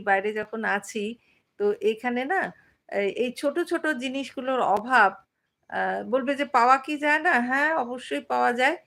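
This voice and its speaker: A middle-aged woman from West Bengal hosting a casual live stream. She chats with viewers, uses many fillers and pauses often to read out their comments. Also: a little high, a bit bright.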